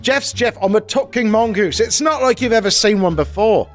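A man's voice: sits high, normal speed, faint music behind, voice pushed up. Man voicing Jeff, a pompous English talking mongoose. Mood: indignant. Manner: pompous, excitable, rambling. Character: brash eager male talking mongoose. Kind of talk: improvised comedy sketch.

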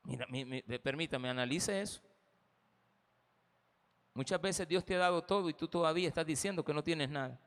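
Impassioned Salvadoran pastor preaching. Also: male voice, a little high, normal speed, pauses often, big-room sound. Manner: impassioned, addresses the congregation directly. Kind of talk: sermon.

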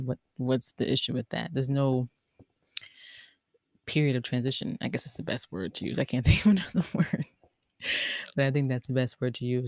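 A man talking casually and earnestly, thinking out loud with lots of fillers and restarts. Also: medium pitch, creaky, no room sound, studio quality. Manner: rambling, filler-heavy, many likes and restarts. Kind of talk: casual reflective monologue.

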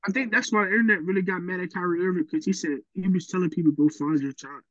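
Casting: male podcast co-host, high voice, emphatic and profane, a dry, slightly dull recording. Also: fairly even intonation, fast, a bit bright, no echo. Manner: emphatic, profane, pushes back. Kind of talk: casual chat.

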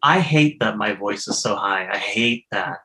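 A man's voice: lowish voice, animated, unhurried, background noise. A man co-hosting a casual podcast, with a slightly nasal voice and a wry, joking way of telling stories. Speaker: podcast co-host. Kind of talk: casual chat.

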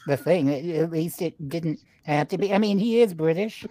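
A man guesting on a casual podcast, cracking dry deadpan jokes. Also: on the high side, no room sound. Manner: slow, dry deadpan humor. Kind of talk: casual crude banter.

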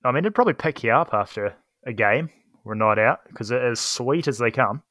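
A young man co-hosting a casual podcast, easygoing and quick to laugh. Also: mid-range voice, dry recording. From New Zealand. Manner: relaxed, easygoing, laughs often. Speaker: podcast co-host. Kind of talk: casual chat.

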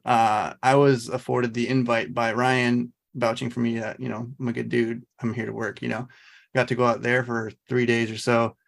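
A man's voice: mid-range voice, level tone, moderate pace, gravelly. An American man from Oregon hosting a podcast, chatting in a casual, easygoing and agreeable way. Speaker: podcast host. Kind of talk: casual chat interview.

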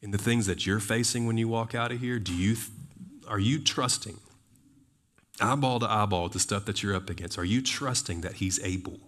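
A man's voice: fairly low pitch, a little fast, fairly bright tone. A man preaching a sermon in a loose, conversational way, full of fillers and rhetorical questions. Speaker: pastor.

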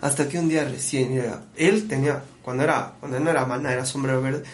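Animated man in an echoey room. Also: mid-range voice, fast. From Bolivia. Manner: animated storyteller, often calls the listener "brother". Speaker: musician and producer, podcast guest. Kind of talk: casual podcast conversation. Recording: echoey room with faint background noise.

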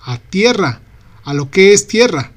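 A man reading aloud and voicing a brusque young male sailor who shouts orders and curses at the helm. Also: sits high, big pitch swings, unhurried, voice pushed up. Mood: relieved, explaining.

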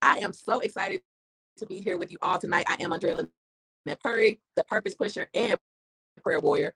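Hyped-up woman with a husky voice. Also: medium pitch, fairly quick, no room sound. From Mississippi. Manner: energetic, preacherly hype, exclaiming. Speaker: co-host. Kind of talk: casual chat.

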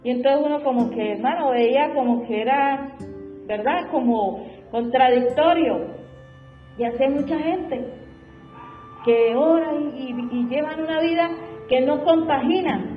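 Woman, fervent sermon, repeated refrains, higher voice, echoey room. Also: a little slow. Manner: fervent, repeats "hermano" and "gloria al Señor". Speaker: preacher. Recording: echoey room, dull lo-fi sound, faint music behind.

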